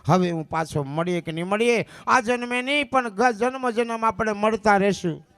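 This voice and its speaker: A man's voice: sits high, normal speed, a bit bright, clear, resonant tone, faint music behind. A man voicing a brave young male folk hero who parts from his bride to go save the cattle, spoken solemnly and resolutely.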